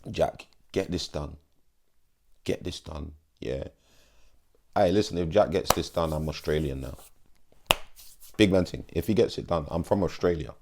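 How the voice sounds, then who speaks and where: A man's voice: very deep voice, measured pace, pauses often, noisy background. A young man giving casual, slangy fight predictions in an emphatic, pleading way. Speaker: MMA vlogger.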